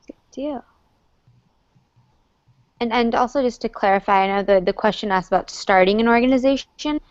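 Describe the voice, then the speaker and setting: A woman's voice: fairly high pitch, moderate pace, dry recording. A young woman from North Carolina, a student moderating an online Q&A session, reading out questions and passing them to others in a friendly, organized way. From North Carolina, USA. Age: young adult. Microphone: video call. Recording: slightly muffled video call audio.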